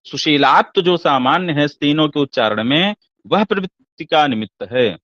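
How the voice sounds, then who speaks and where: A man's voice: a little high, expressive, moderate pace, fairly bright tone, dry recording. A man teaching classical Sanskrit poetics in a lecture, asking rhetorical questions and answering them himself. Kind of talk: explanatory lecture. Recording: dull lo-fi dry recording.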